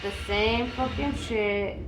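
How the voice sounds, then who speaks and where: A woman's voice: fairly high pitch, fairly even intonation, slow pace. A woman in a loose, tipsy, rambling casual rant, swearing freely as she talks. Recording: echoey room with faint background noise.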